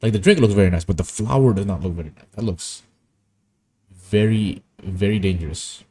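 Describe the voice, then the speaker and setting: Husky-voiced young man chatting casually. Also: lowish voice, normal speed, darkish tone. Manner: rambling, anecdotal, easily amused. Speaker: animation streamer. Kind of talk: casual chat while animating.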